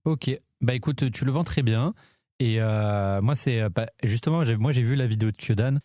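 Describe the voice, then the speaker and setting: A man's voice: mid-range voice, normal speed, warm tone, no room sound, studio quality. A man co-hosting a casual film podcast, talking enthusiastically with lots of fillers and restarts. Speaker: podcast co-host.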